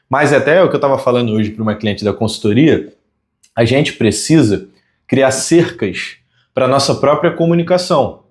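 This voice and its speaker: A Brazilian man and communication consultant giving a conversational teaching monologue to camera, asking many rhetorical questions and slowing down on key words. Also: medium pitch. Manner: self-described fast talker.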